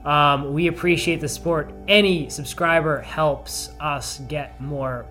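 Podcast co-host, male, reading his sign-off in a deliberate, stilted, flat robot voice over faint background music. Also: on the high side. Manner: slow, halting, flat robotic delivery.

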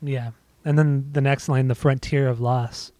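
A man's voice: medium pitch, fairly even intonation, unhurried, mellow, dry recording. Winded man rambling on a podcast. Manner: rambling, many restarts and fillers. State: out of breath after a bike ride. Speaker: podcast co-host. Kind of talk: casual music podcast chat. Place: home.

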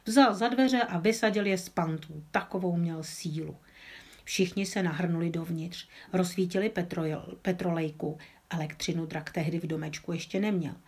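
A woman calmly reading a children's story aloud, with an occasional small slip of the tongue. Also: lowish voice, breathy edge. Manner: calm, with small slips.

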